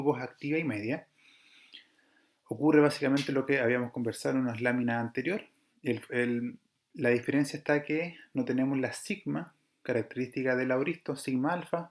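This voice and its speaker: A man teaching an online class over slides, explaining patiently, checking in with his students and correcting himself as he goes. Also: medium pitch. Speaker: Greek teacher.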